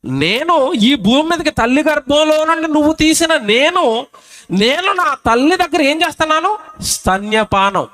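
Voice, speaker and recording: A man preaching a sermon at a public meeting, reading scripture slowly and pressing the crowd with repeated questions. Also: very high voice, lively intonation, fairly bright tone. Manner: emphatic, asks the crowd repeated rhetorical questions; reads scripture slowly and deliberately. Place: outdoor public gospel meeting.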